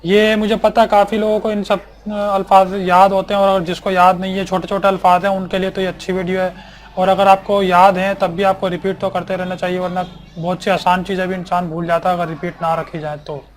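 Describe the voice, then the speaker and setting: Man teacher, high voice, flat delivery, unhurried, spells and repeats every word, faint hiss behind. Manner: spells out words letter by letter and repeats them. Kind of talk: slow English vocabulary lesson.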